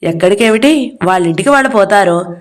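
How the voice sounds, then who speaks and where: A woman voicing an older mother who pleads in a hushed voice to keep the peace in the family. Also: mid-range voice, lively intonation, a little fast, close to an everyday voice. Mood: pleading.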